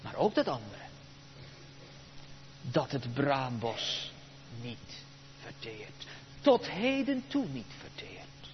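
A male pastor preaching a sermon in a church, emphatic and rhetorical, with dramatic pauses. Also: medium pitch, huge pitch swings, big-room sound, muffled recording, slight background noise.

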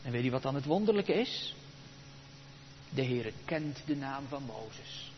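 A man's voice: mid-range voice, animated, highs cut off, slight background noise. Emphatic male preacher in a reverberant church. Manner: emphatic, rhetorical, with dramatic pauses. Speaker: pastor. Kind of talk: sermon.

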